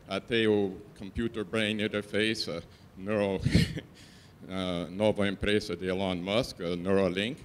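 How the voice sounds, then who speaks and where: A man asking a question from the audience at a forum, earnest and slightly halting. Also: fairly low pitch, fairly bright tone, slight background noise.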